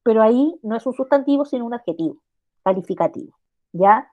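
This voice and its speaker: Speaking briskly with lively intonation, a woman whose voice runs high but darkish in tone teaches an online language class in a Chilean accent. Her style is explanatory, moving step by step and checking in with students through rhetorical questions.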